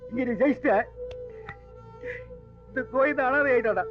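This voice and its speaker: A man's voice: very high-pitched, normal speed, soft background music. Stern hot-tempered father. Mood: grieving. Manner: scolding, commanding. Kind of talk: film drama acting. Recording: dull film soundtrack.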